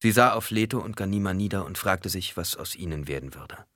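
Male narrator, deep but crisp voice, dry close sound. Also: expressive, a little fast, fairly bright tone, dry recording. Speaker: audiobook narrator. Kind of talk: scripted narration.

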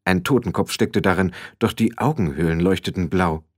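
A man reading a story aloud as an audiobook narrator, in an expressive storytelling manner. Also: low-pitched, normal speed. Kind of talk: scripted narration.

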